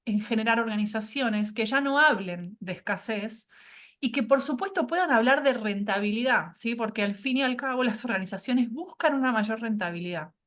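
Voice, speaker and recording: A woman's voice: a little high, lively intonation, moderate pace, fairly bright tone. A woman instructor presenting a course. She is a bit sick with a cold and keeps checking in with her listeners through tag questions and hesitant fillers. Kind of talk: online presentation.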